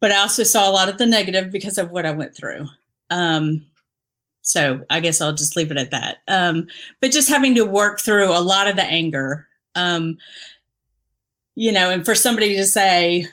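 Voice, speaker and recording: Earnest woman, lowish voice. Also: expressive, normal speed, a bit bright. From Dominican Republic. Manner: earnest and reflective, many fillers and restarts. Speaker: interview guest, injured former police officer. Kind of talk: candid conversational interview.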